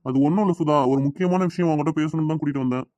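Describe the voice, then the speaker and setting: A man voicing a protective middle-aged cartoon father in Tirunelveli Tamil, gentle with his daughter and scolding with his wife. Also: on the high side, rapid-fire, dry recording, highs cut off, natural voice. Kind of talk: cartoon dialogue.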